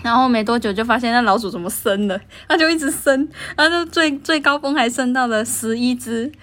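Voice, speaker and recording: A woman's voice: fairly high pitch, fairly quick. A young woman with a Taiwanese Mandarin accent, chatting and telling a childhood story in a casual podcast. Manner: giggly, animated storytelling. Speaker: podcast co-host.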